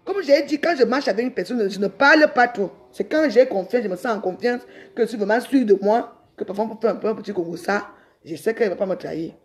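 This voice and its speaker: A woman's voice: mid-range voice, fast. A middle-aged woman, ranting defiantly on a live stream and rambling with repeated words. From Cameroon. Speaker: social media livestreamer.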